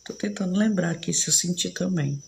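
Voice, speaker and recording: A woman's voice: on the low side, a little fast, gravelly, a little mellow, slight background noise. A woman in her fifties from São Paulo, with a São Paulo accent mixed with Bahian, chatting casually and rambling as she hosts a live stream and reads viewer comments. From São Paulo, Brazil. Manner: chatty, rambling, frequent tag questions. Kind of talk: casual chat.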